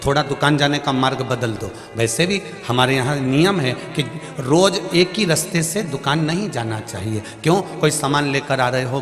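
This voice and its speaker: A man with a Malwa Hindi accent preaching a devotional sermon, voicing the people in his stories and moving between soft asides and loud calls. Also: medium pitch, big-room sound. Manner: voices quoted characters, swings from soft to loud. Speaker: preacher telling a scripture story.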